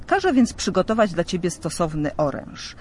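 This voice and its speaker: Man doing a commanding storybook prince, firm, slightly high voice. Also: big pitch swings, normal speed, slight background noise. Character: worried, commanding male prince. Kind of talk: storybook reading.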